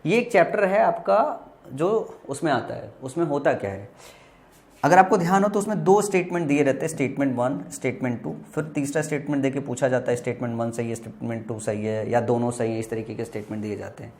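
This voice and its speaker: A man with an Indian accent teaching exam vocabulary, asking questions and answering them himself, slowly spelling words out letter by letter. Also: medium pitch, darkish tone. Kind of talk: exam-prep lesson.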